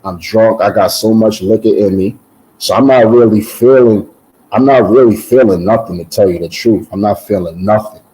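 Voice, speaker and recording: Man, low mellow voice, loose conversational testimony, lots of restarts and fillers. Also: normal speed, rough recording. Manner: animated, repeats words and restarts with many "um"s. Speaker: guest giving a testimony. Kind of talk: casual personal storytelling.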